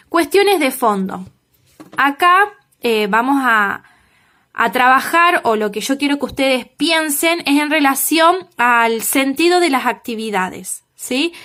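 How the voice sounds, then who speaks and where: A woman teacher giving spoken feedback on written assignments, checking in with her students after nearly every point and slowing down on key examples. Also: sits high, fairly bright tone. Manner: slow, emphatic on key examples.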